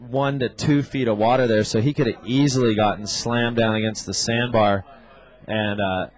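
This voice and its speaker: A man's voice: medium pitch, fairly even intonation, normal speed, poor audio. Male surf contest announcer, conversational. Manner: conversational, casual surfer slang. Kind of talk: live sports commentary, surf contest announcer.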